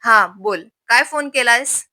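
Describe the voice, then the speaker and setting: A woman's voice: on the high side, measured pace, bright, forceful tone, dry recording, studio quality. A woman voicing a cautious, reserved young man taking a call from his former sweetheart.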